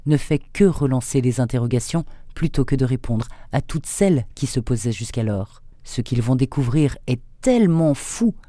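A man reads a thriller aloud at a measured, steady pace, his voice warm and mellow. The recording is dry and close with no room sound. Plain presenter narration between the scenes. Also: mid-range voice, no echo. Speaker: radio book reader and presenter. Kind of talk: dramatic reading of a thriller.

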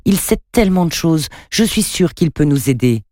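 A man's voice: on the high side, moderate pace, dry recording, clean studio sound, pitched above the performer's own voice, close to an everyday voice. A man voicing an emotional young alien boy in a storybook reading. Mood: eager. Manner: pleading, excitable.

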